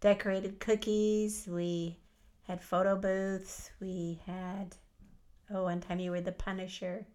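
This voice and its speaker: A woman's voice: mid-range voice, level tone, slow, a little mellow. An older woman, a grandmother, reminiscing in casual chat and chiming in on her husband's stories.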